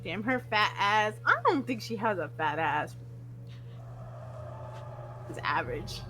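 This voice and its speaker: A young woman streaming a game, excitable and casual, swearing and talking over her co-player. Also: mid-range voice, measured pace, a little hiss or hum. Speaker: gaming streamer. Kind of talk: casual let's-play chat.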